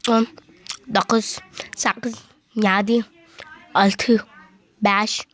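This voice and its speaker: A woman's voice: medium pitch, flat delivery, very slow, a bit bright. A woman giving casual gameplay commentary, chatting to viewers and getting easily frustrated with the game. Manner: chatty, talks to viewers as friends. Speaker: gaming video creator.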